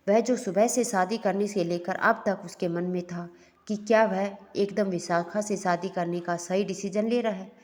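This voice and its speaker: A woman storyteller reads a romantic tale aloud in a calm, steady voice. Her pitch sits in an ordinary middle range for a woman, and her delivery is even and unhurried.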